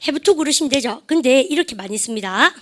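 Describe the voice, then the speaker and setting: Woman, high voice, middle-aged, classroom English teacher, teasing, quizzes the class. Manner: lively, teasing, asks the class many quick questions. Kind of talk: classroom lecture.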